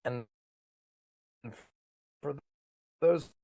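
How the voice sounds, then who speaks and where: A man's voice: drawn-out words, warm tone. A man hosting an online community chat, his voice cutting in and out as his internet connection drops. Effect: choppy, dropping internet voice-call audio. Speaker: host of online community hangout. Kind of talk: casual voice-chat talk.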